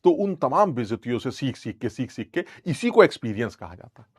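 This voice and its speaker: A young man teaching chemistry in Hindi, in a lively classroom-style lecture full of jokes, anecdotes and mock scolding of students. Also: mid-range voice, brisk, husky, dry recording, studio quality. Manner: colloquial, joking, scolding asides to students.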